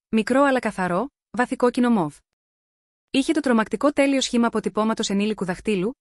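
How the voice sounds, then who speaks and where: A woman reading a first-person story aloud as scripted narration, measured and even. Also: on the high side, no room sound, clean studio sound.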